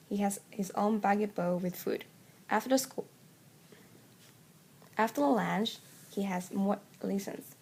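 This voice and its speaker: A woman's voice: medium pitch, gravelly, darkish tone, breathy edge. A teenage girl with a Swedish accent reads a school presentation in English, with small slips. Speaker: student presenter. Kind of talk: school presentation read aloud.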